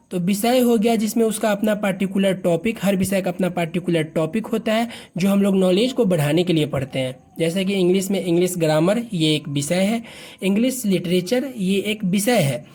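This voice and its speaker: An English teacher from India giving a lesson explanation, asking and answering its own questions and drawing out sounds slowly. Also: medium pitch, darkish tone.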